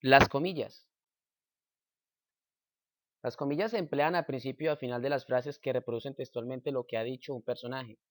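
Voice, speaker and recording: Guy reading a grammar lesson slow and careful, mid pitch, dry close sound. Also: no room sound. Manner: slow, measured reading with example sentences. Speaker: teacher.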